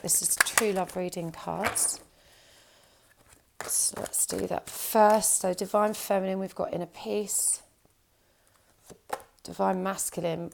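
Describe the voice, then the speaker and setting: Croaky woman reading tarot. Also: mid-range voice, noisy background. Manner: chatty, reassuring, thinks aloud while drawing cards. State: croaky, recovering from illness. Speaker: tarot reader.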